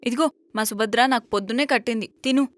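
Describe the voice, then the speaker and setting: A woman's voice: fairly high pitch, no room sound, lightly acted. An actress playing a young jobless village woman who scolds but cares. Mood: fussing. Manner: brisk, bossy and scolding. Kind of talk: romantic comedy web series acting.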